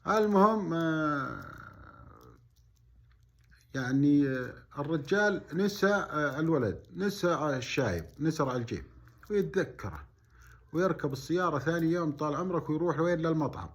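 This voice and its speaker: Casting: male storyteller, Bedouin Gulf Arabic accent, slightly high voice, colloquial, exclamatory, voices the dialogue himself. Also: lively intonation, brisk, pauses often. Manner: colloquial, repeats phrases, exclamatory asides. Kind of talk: animated oral storytelling, acting out dialogue.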